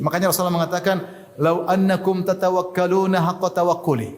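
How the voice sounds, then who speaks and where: A man giving a sermon in a lively, joking teaching manner, now and then acting out prayers. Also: on the high side, long reverb tail. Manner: humorous, lively teaching with jokes and acted prayers. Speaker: preacher.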